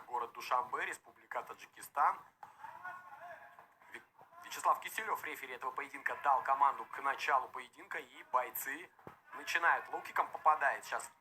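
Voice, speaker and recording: A man giving live MMA commentary, describing the fighters and the action as it unfolds. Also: mid-range voice. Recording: very noisy live arena broadcast.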